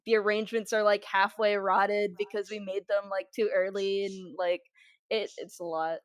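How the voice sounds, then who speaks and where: A woman's voice: medium pitch, level tone, normal speed, no echo. Woman rambling on a call, tons of "like", swears, dry close mic. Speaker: vtuber podcast co-host. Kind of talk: casual group chat.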